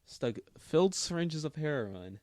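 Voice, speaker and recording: A man's voice: a little high, sing-song, measured pace, a little mellow, no echo. A young man co-hosting a casual podcast, sharing a news story in an easygoing way. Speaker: podcast co-host. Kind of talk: casual chat.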